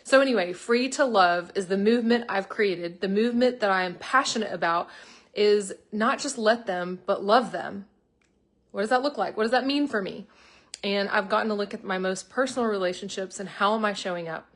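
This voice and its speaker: A woman's voice: mid-range voice, fairly quick. Earnest middle-aged woman on a live video. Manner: heartfelt, earnest, gets choked up. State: emotional, choked up. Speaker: coach promoting a webinar. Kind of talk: live video talk to viewers.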